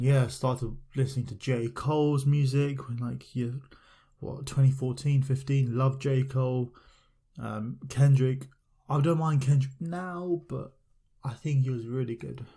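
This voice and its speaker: A young man with a mellow, mid-range voice hosts a solo podcast, chatting casually. His storytelling is loose and rambling, heavy with fillers.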